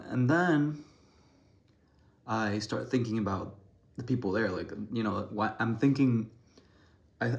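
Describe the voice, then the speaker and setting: A man's voice: medium pitch, a little mellow, dull audio. Rambling young man talking to camera. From Ecuador. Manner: rambling, self-deprecating, many restarts and fillers. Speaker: vlogger. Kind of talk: casual to-camera monologue.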